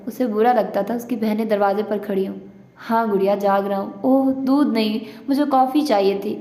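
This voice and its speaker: Female audiobook narrator, steady and even, mellow, echoey room. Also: mid-range voice.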